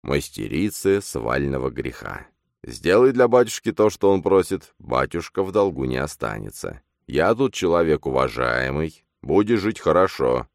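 A man's voice: sits low, creaky, dry recording, studio quality, full character voice. A man voicing a sly, scheming sect priest who speaks in a coaxing, unctuous way. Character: sly middle-aged male sect priest, smooth and scheming.

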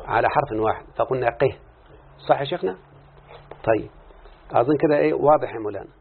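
Husky Egyptian sheikh on tinny audio. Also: male voice, mid-range voice, fast. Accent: Egyptian Arabic. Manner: keeps asking students questions and answers them; mixes classical Arabic with colloquial speech. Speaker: sheikh teaching Arabic morphology. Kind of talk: recorded lesson.

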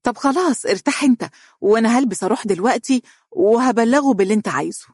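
A man's voice: sits high, rapid-fire, dry recording, clean studio sound, voice pushed up. Dunya, a nervous young wife, voiced by a male narrator. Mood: anxious. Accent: Egyptian Arabic.

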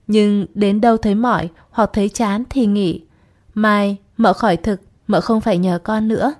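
A woman voicing a gentle, caring mother in a spoken short story. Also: medium pitch, fairly even intonation, moderate pace, close to an everyday voice.

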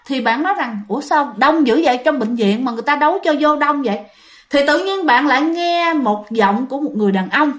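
A woman narrates a ghost story in a relaxed, chatty way. Her voice sits high, and she keeps turning to address her listeners directly. The telling feels casual rather than scripted.

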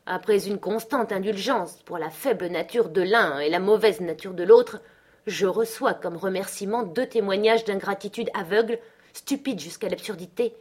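A woman voicing a proud, quick-tempered young woman in an audiobook, scornful and dramatic. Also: mid-range voice, a little mellow, slightly rough, natural voice. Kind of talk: audiobook character reading.

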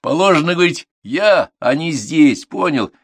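A man voicing a gruff, shell-shocked male military instructor who barks commands at schoolboys in a storybook reading. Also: medium pitch, lively intonation, a little slow, no room sound, clean studio sound, voice pushed up. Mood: angry, scolding. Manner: barking, shouted commands.

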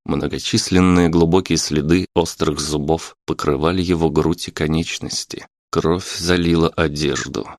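A man narrating an audiobook in a steady, even reading voice. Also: sits low, no echo, studio quality. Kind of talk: scripted narration.

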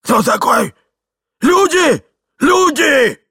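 A man voicing a fussy, frantic elderly husband who shouts in a shrill, flustered way. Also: sing-song, slow, gravelly, slightly rough, dry recording, studio quality, full character voice. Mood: alarmed.

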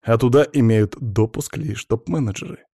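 Casting: composed investigator, soft measured questions, dark mellow tone, read by a male narrator. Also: mid-range voice, gravelly, breathy edge, no room sound, studio quality. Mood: probing. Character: calm, probing male investigator, gently ironic.

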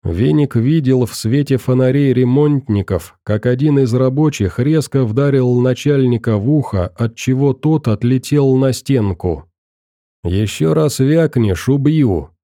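Clean, dry studio audio captures a mid-range male voice narrating an audiobook. His reading of the scripted text is steady and measured.

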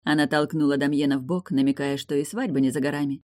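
Steady audiobook narrator, mid-pitched, dry booth sound. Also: quick pace, dry recording. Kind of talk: scripted narration.

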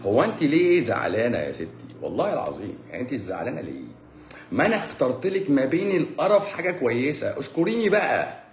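A man with an Egyptian Arabic accent hosts a casual, joking livestream, answering viewers, teasing them, and laughing often. His medium-pitched voice swings widely in pitch at a quick pace, in a roomy space with soft background music.

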